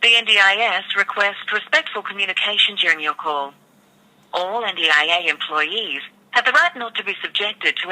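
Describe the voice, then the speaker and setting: A recorded phone menu message from a helpline, read out in a measured, formal announcing manner. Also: medium pitch, bright, forceful tone, rough recording.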